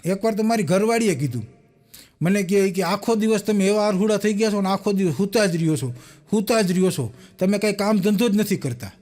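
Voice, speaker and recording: A man's voice: sits high, expressive, fairly quick, darkish tone. A young man telling folksy jokes, acting out the dialogue with laughs. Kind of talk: stand-up joke telling.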